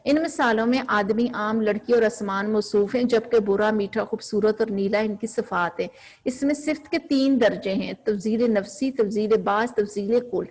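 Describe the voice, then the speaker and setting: A woman's voice: mid-range voice, a little mellow. A woman teaching a grammar class, asking her students questions and then answering them herself.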